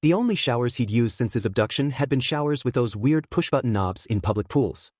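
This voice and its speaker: A man's voice: mid-range voice, lively intonation, a little fast, a little mellow, dry recording. Man narrating a story, dry sound. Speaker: fan fiction narrator. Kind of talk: scripted story narration with read-out dialogue.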